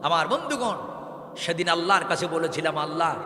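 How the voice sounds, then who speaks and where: A man preaching a waz sermon in rhymed, chanted lines that build to shouts, calling on the crowd to answer him. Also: high voice, moderate pace, reverberant, long reverb tail.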